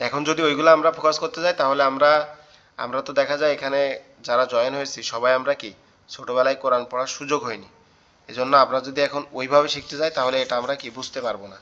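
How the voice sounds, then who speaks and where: Bright-voiced man teaching Arabic letters online. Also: mid-range voice, steady tone, fast. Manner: patient, repeats sounds and asks the class questions. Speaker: Quran teacher. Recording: dull online call audio.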